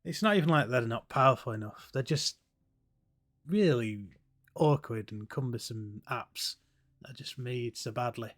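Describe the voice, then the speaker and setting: A man's voice: mid-range voice, moderate pace, fairly bright tone. A man hosting a livestream with casual, rambling, sarcastic commentary on a game show. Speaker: livestream host.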